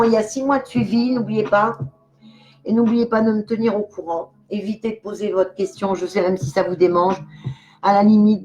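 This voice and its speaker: A woman's voice: fairly low pitch, darkish tone, low-quality recording. An older woman, a clairvoyant medium, chatting casually and giggling as she talks straight to the viewers of her live stream.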